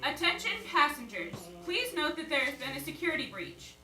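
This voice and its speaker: A woman plays a calm, formal airport announcer heard over the intercom. Her high voice rises and falls with each announcement. It sounds echoey and distant, as if it comes through a loudspeaker. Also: a little fast, exaggerated voice. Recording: echoey, from far off.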